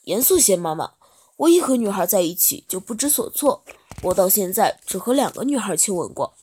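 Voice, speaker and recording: A woman voicing a shy, stammering eighteen-year-old boy in a storybook reading, with a husky voice. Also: mid-range voice, very animated, a little fast, mellow, voice pushed down. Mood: nervous, pleading. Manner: stammering, nervous.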